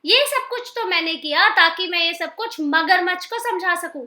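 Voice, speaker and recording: A woman voicing a clever female crocodile wife in a children's storybook, firm and brisk as she lectures. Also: very high-pitched, lively intonation, pushed and bright, full character voice. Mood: kind. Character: sharp clever female crocodile wife, stern then kind.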